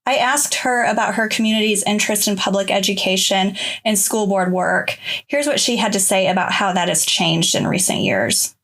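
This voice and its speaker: A woman interviewer asking questions and narrating links in a clear, measured way. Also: medium pitch, fairly bright tone.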